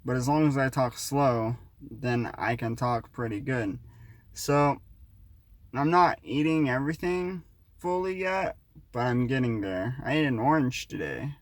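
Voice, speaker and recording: Brief: 20s man, slight lisp, fast rambling casual vlog chat, dry close mic. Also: mid-range voice, animated, no room sound. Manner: talks fast, rambling with restarts and fillers. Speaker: vlogger.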